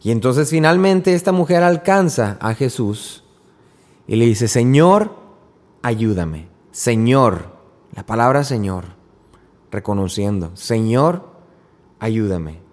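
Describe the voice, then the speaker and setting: A man's voice: medium pitch, expressive, measured pace, darkish tone, big-room sound. A man giving an informal Sunday homily, telling stories and acting out the people he quotes. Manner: chatty storyteller who acts out quotes in raised voices. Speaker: preacher.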